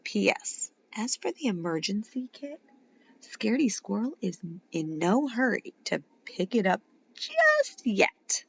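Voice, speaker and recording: A woman reading a children's picture book aloud as a teacher would, in a dramatic, playful way with emphatic pauses. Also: medium pitch, wildly swooping pitch, vocal fry, dull audio, slight background noise. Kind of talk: expressive children's storybook read-aloud.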